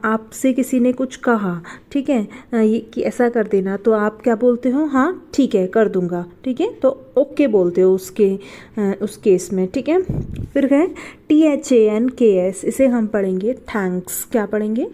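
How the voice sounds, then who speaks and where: A woman teaching a beginner English class, spelling each word and asking her listeners back before giving the answer again. Her voice sits a little high but sounds soft and mellow. She explains one step at a time and repeats herself patiently. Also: slow pace. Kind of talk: step-by-step spelling and pronunciation lesson.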